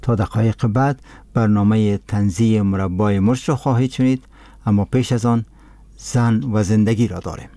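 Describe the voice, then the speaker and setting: A man's voice: fairly low pitch, steady tone, warm tone. A man with an Afghan accent presenting on radio in a solemn, formal announcing style. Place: dry radio studio.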